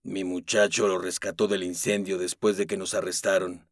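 A weary middle-aged mechanic speaking low and quiet. A man voices him in an audiobook. The voice is close and dry. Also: flat delivery, normal speed, no echo. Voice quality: low, soft-spoken.

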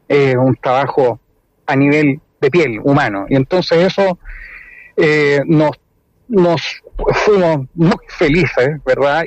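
A musician and ensemble director joins a radio interview as a guest by phone, chatting conversationally. His voice is a little high, and the telephone line sounds dull and dry.

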